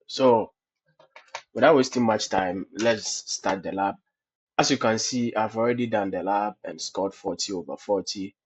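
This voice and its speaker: In a lo-fi, dull-sounding screencast, a man suffering from a cold leads a cloud lab tutorial, explaining each step with many "okay, so" fillers. His voice is fairly low, a little slow, and slightly rough.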